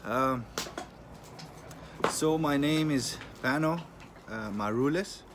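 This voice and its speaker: A man in his thirties speaks English with a Greek accent, talking plainly and without hurry to his channel's viewers, with non-native turns of phrase. His voice sits at a middle pitch. The recording carries steady noise and clicking sounds. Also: slow pace. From Greece. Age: 30s. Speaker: channel host. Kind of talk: casual talk to camera.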